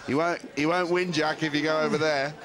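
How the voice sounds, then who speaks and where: A man's voice: fairly high pitch, steady tone, a little fast, heavy background noise. A man giving live ski race commentary, amused and often laughing.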